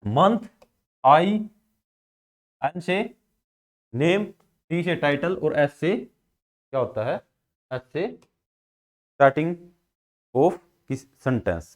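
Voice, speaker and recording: A man with a Haryanvi Hindi accent teaching a school class, asking questions and then answering them himself. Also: fairly high pitch. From India. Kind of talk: classroom grammar lesson.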